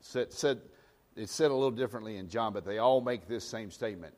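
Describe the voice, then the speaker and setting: A male pastor delivering a sermon, repeating phrases and swinging between hushed and loud, sometimes joking with the congregation. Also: on the low side, a little fast. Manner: jokes with the congregation. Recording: long hall reverb.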